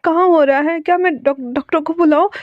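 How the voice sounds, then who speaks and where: Brief: woman doing a high, shaky young man, stammering and pleading, dull lo-fi sound. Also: steady tone, fairly quick, no room sound. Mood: scared, pleading. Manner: stammering, begging. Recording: dull lo-fi dry recording.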